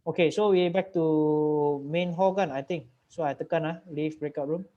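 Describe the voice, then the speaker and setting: A man's voice: on the high side, steady tone, normal speed. A man in his thirties with a Malaysian accent chats casually in colloquial Singlish-style English, full of lah and ah, mixed with Malay. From Penang, Malaysia. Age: 30s. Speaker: online event host. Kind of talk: casual chat. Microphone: video call. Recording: muffled video call audio.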